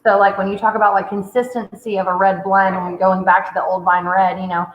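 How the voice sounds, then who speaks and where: A woman's voice: mid-range voice, level tone, fairly quick, roomy sound, muffled recording. A woman hosting a virtual wine tasting, chatty and enthusiastic, rambling through her thoughts. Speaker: wine shop host. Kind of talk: casual virtual tasting chat.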